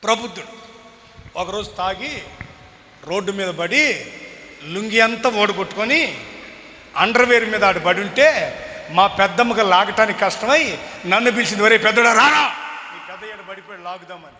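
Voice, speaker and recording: A man preaching a sermon and telling a family story, animated, dropping to quiet asides and rising to shouts. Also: high voice, moderate pace, pauses often. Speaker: pastor. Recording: echoey hall with faint background noise.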